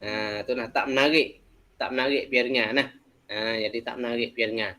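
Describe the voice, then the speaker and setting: A man teaches a class in a loose, repetitive manner. He explains the lesson with many "ha" and "nah" fillers, at a middle pitch. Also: fairly even intonation, brisk, pushed and bright.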